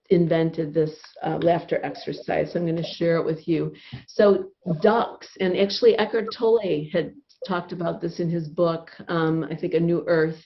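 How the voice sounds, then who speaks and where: A woman teaching laughter yoga over a video call, upbeat and encouraging, often breaking into laughter as she guides the group. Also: lowish voice. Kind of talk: guiding a group laughter session. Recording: dull lo-fi video call audio. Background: group of participants laughing and cheering.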